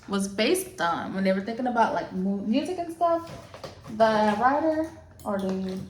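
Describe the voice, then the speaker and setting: Sassy woman, casual storyteller, mid-pitched, roomy echo. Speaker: makeup artist. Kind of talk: casual chat while doing makeup.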